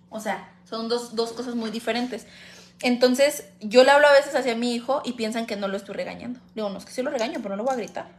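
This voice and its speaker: A young woman with a Mexican accent, a mother and vlogger, chatting casually and frankly with her viewers, using slang and swearing freely. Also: on the high side. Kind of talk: casual livestream chat. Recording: echoey room, faint background noise.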